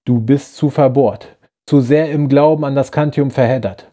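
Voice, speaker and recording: A man's voice: medium pitch, fairly even intonation, normal speed, mellow, natural voice. A man voicing a bitter rebel who betrayed his old friend, talking in an urgent, reproachful way in a science-fiction audiobook. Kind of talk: audiobook character voice.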